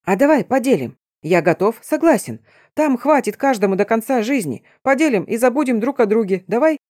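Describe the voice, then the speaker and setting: A woman's voice: on the high side, very animated, brisk, a little mellow, dry recording, clean studio sound, pitched above the performer's own voice. A woman voicing a terrified, grovelling man who shrieks and pleads. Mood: eager pleading.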